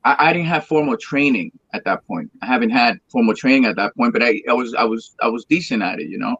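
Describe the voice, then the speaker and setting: A fast-talking Colombian guest singer in his thirties, a Spanish speaker, recounts his story in a casual interview, rambling and restarting with repeated words. His medium-pitched voice is a bit bright and husky, captured on dull audio with no room sound.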